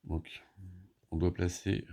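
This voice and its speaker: A man's voice: deep voice, little pitch movement, takes it slowly, warm tone. A man casually explaining his moves in a solo board game, thinking aloud with many hesitations and restarts.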